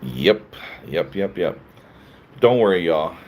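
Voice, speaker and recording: A man with a very low, deep voice riffs through a casual live stream, answering chat and laughing between his jokes. He sounds sleepy and loose, with a faint hiss of noise under him. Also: animated, takes it slowly, darkish tone. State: sleepy, yawning. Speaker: livestream host reading chat.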